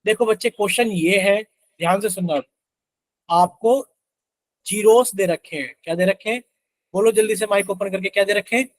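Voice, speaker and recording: In this live online math lesson, a young male teacher with a high voice speaks at normal speed, leaving long pauses. He keeps firing questions at students and supplies their responses himself, saying "sir" as if in their voices.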